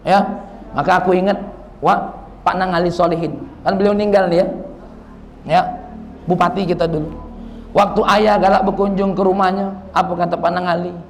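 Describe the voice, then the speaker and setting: A man's voice: sits high, level tone, normal speed, long pauses, a little hiss or hum. A man preacher with a South Sumatran Malay accent, giving a sermon and teasing his audience with jokes.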